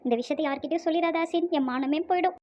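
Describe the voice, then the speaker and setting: Cartoon: woman voicing a fretful housewife, high fast voice, slightly dull recording. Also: darkish tone, close to an everyday voice. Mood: flustered. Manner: exclaiming, fretful, scolding. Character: flustered thrifty housewife hunting for a flat.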